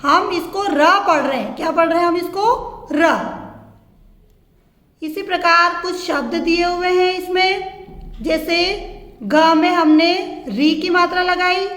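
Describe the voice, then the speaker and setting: A woman's voice: very high-pitched, slow, fairly bright tone. A woman teaching a primary school class, patiently spelling words out letter by letter. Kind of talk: slow classroom lesson. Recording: echoey room with long reverb.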